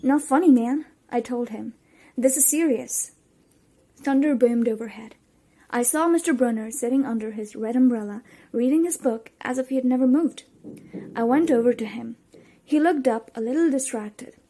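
A woman reading a children's adventure novel aloud in the first person, expressive and giving the characters voices. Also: a little high, moderate pace. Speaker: audiobook reader. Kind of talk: storybook narration in first person.

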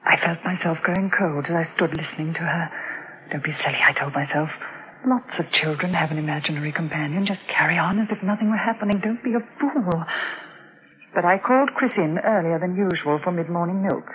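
A woman's voice: lowish voice, fairly quick, natural voice. An actress playing a worried young mother who narrates her story and talks hesitantly, breaking off mid-sentence, in a 1960s radio drama. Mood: uneasy. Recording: dull lo-fi 1960s radio recording.

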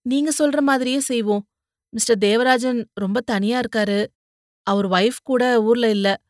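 A woman voicing a calm young man. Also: fairly high pitch, measured pace, dry recording, clean studio sound, close to an everyday voice. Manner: quiet, plain-spoken, mixes in English words.

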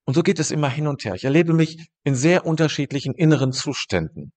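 Guy explaining meditation, calm and thoughtful, talks right to you, stops and rephrases a lot. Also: on the high side. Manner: calm, thoughtful, addresses the listener directly, pauses to rephrase. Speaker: meditation teacher. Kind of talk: reflective spoken teaching monologue.

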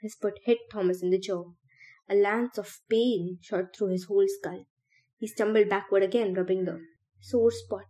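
A woman reading a novel aloud for a podcast in a steady, measured way. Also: medium pitch. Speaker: podcast reader.

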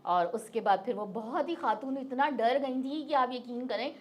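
A woman's voice: fairly high pitch, normal speed. Middle-aged woman telling a story vividly. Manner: vivid, detailed retelling with acted-out quotes. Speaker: guest recounting a personal experience. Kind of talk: casual spoken storytelling.

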